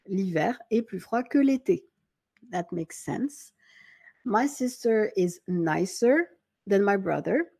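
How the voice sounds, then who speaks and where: A woman teaching an English grammar lesson in French, patiently repeating key points and reading example sentences slowly in a friendly, informal way. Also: medium pitch, mellow. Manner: friendly and informal, addresses viewer as tu.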